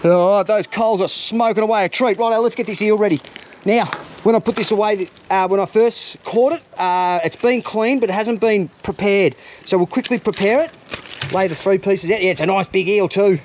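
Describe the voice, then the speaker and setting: High-pitched Australian man, upbeat vlogger. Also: normal speed, a little mellow, slight background noise. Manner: upbeat, chatty, addresses viewers as gang. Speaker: host of a fishing and cooking vlog. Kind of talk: casual outdoor vlog commentary.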